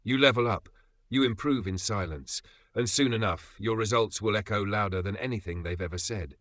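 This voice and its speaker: A man reading a scripted motivational voice-over as the channel's narrator, with measured, emphatic delivery and dramatic pauses. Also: lowish voice, fairly bright tone.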